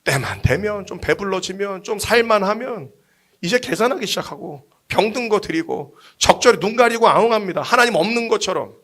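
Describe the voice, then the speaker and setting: Man, 40s, pastor, sermon, passionate, emphatic, repetitive, very high pitch. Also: expressive, brisk, a bit bright.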